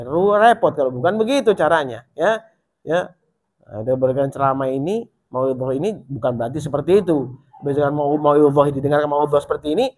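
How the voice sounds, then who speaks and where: Male preacher, high-pitched, swings between ringing exhortation and quiet warning. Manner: rises in pitch and volume when urging, drops low and soft when warning. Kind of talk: sermon.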